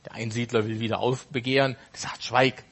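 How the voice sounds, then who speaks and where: Slow-talking man retelling a parable. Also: medium pitch, fairly bright tone. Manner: unscripted, with fillers and self-corrections. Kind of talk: casual oral retelling of a parable.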